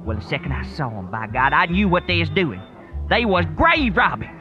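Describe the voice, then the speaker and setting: A man's voice: fairly high pitch, sing-song, normal speed. An actor playing a paranoid male conspiracy crank in a radio drama, ranting frantically in folksy rural grammar. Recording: slightly muffled, music underneath.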